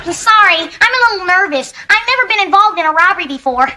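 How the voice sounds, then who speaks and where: An actor playing a nerdy, lovesick young man with a nasal, squeaky voice and an eager, oblivious manner in a broad sitcom. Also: expressive, fast talker. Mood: nervous. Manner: cutesy pet names, eager and oblivious. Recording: noisy sitcom soundstage with loud studio audience.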